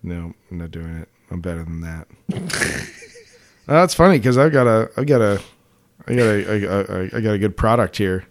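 A man's voice: fairly low pitch, lively intonation, normal speed, long pauses. Guy cohosting a podcast, jokey, laughs a lot, keeps restarting his sentences. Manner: joking, laughs often, trails off into restarts. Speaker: podcast co-host. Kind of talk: casual comedic chat.

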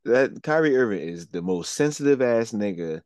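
A man's voice: medium pitch, lively intonation, normal speed, darkish tone, clear, resonant tone, no room sound. A man co-hosting a casual podcast speaks in an ordinary mid-range voice. He talks bluntly, swears freely and likes to play devil's advocate. His voice is recorded close and dry, with no room sound. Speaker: podcast co-host. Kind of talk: casual chat.

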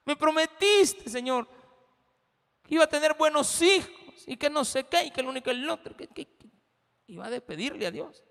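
Brief: anxious pleading patriarch at prayer, put on by a male preacher, bright tone, reverberant hall. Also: very high-pitched, expressive, moderate pace, gravelly, pitched above the performer's own voice, exaggerated voice. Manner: pleading, complaining to God.

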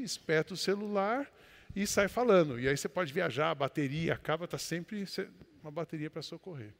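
Brazilian pastor guy preaching, kinda high voice, big echoey hall, goes loud then quiet. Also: gravelly. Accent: Brazilian Portuguese. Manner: storytelling, swings between loud exclamations and quiet asides. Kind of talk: sermon. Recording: long hall reverb.

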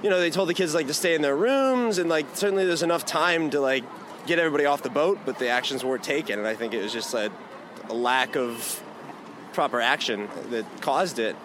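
A man's voice: fairly high pitch, fairly quick. Casual American man over street traffic. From Florida, United States. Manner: casual, fillers like 'you know'. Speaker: language school teacher. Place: city street outdoors.

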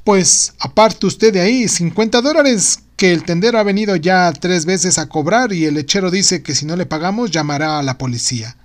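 A nagging female housemaid, acted out by a male storyteller speaks in a raised pitch. She is blunt and practical, complaining insistently in a storybook tale. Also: moderate pace, few pauses, lightly acted. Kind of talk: audio storybook.

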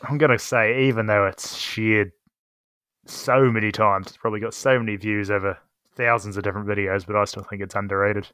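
A young man co-hosting a casual podcast, easygoing and quick to laugh. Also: on the low side, clear, resonant tone, no room sound. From New Zealand. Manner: relaxed, easygoing, laughs often. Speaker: podcast co-host. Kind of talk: casual chat.

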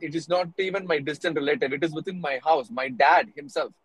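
A man with a husky voice and a Tamil accent, hosting a podcast in a chatty, conversational way and switching between English and Tamil. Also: on the high side, rapid-fire. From Tamil Nadu, India. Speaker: podcast host and allopathic doctor.

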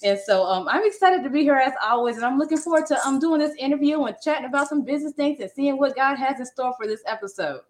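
A woman's voice: high-pitched, quick pace, few pauses. A woman business coach co-hosting a casual chat, enthusiastic and affirming.

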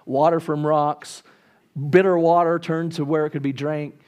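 A man in his thirties delivers a sermon with a high, bright pitch. He tells the story with energy and acts out the people's complaints, stumbling over repeated words and restarting as he goes. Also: flat delivery, moderate pace, smooth. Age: 30s. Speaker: pastor.

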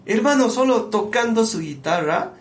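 A man, a musician and producer, telling stories in a casual podcast conversation with an animated, friendly manner. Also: sits high, normal speed. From Bolivia. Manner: animated storyteller, often calls the listener "brother". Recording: echoey room with faint background noise.

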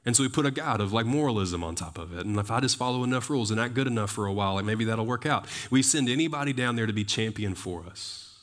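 Man, sermon, chatty preaching style, fairly low voice, lots of "like" and questions to the crowd. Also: fast, few pauses, a bit bright. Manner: conversational preaching with lots of fillers and rhetorical questions. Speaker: pastor.

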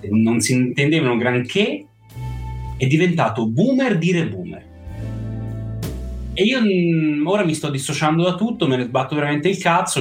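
Animated young man in an echoey room. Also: mid-range voice. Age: 20s. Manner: blunt, heavily swearing. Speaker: live stream co-host. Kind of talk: casual chat. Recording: echoey room, faint music behind.

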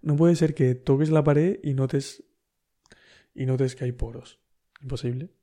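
Dark-voiced man from Spain, slangy. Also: medium pitch, fairly even intonation, measured pace. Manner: slangy, rambling, peppered with fillers and "bro". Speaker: podcast host. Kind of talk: casual monologue storytelling.

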